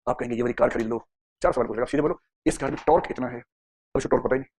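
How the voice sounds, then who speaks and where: A husky-voiced man teaching psychology in a classroom. He talks very fast and playfully, slipping into little acted scenes to make his points. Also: medium pitch, a little mellow. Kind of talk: classroom lecture mixing Hindi and English.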